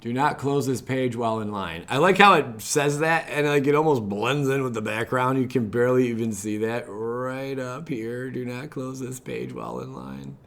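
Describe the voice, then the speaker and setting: With a medium-pitched, fairly bright voice and lively intonation, an American man who runs a gaming channel chats informally at a normal pace, barely pausing. On his livestream, he reads web pages and rambles through his reactions, adding the occasional mildly exasperated aside.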